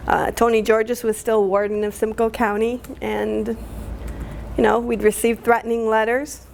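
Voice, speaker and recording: A woman gives a public talk in a gravelly voice, a little high for a woman. She pauses often and fills the gaps with "um" and "uh", her feeling close to the surface. A faint room hum sits behind her. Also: level tone, a little mellow. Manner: halting, many fillers, emotional. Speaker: community activist speaker.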